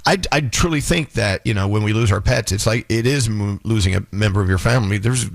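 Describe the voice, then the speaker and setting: Male radio host, low gravelly voice, dry close studio mic, halting heartfelt chat. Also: no echo. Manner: emotional, halting, many restarts. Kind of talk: casual morning radio chat. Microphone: studio microphone.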